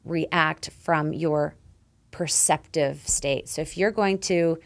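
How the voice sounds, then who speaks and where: Emphatic, animated woman in her forties. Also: sits low, takes it slowly. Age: 40s. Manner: emphatic and animated, swears freely. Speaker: podcast guest, lifestyle coach. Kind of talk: casual conversational interview.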